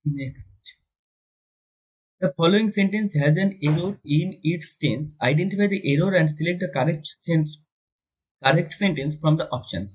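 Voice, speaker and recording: A man's voice: fairly high pitch, slightly rough, rough recording. A man teaching an exam-prep grammar lesson, explaining step by step, asking and answering his own questions. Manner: switches between Bengali and slowly dictated English. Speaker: English teacher.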